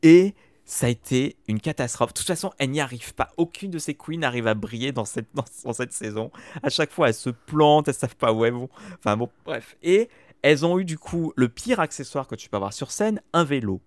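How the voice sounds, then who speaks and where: A man's voice: mid-range voice, animated, brisk, no room sound. A man chatting casually as a podcast co-host, telling stories at length with lots of fillers and repeats. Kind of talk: casual chat recapping TV shows.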